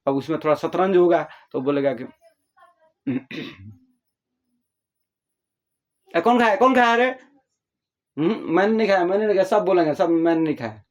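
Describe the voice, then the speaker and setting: A man with a slightly high voice talks about spiritual ideas in a loose, chatty way. He keeps repeating phrases and acts out small scenes from family life. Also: a little mellow, muffled recording. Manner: repetitive, explains with homely examples, acts out little dialogues. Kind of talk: casual spiritual talk.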